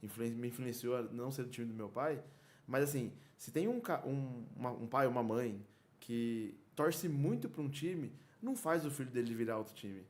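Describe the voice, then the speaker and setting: Brazilian male podcast co-host, mid-range voice, halting and informal. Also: medium pitch, animated, a little mellow. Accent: Brazilian Portuguese. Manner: halting, restarts often, chuckles. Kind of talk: casual chat.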